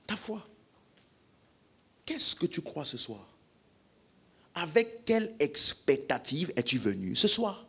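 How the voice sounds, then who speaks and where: Husky, animated French preacher man. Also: on the high side, takes it slowly, pauses often. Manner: emphatic, calls out questions to the congregation. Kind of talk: healing-service sermon.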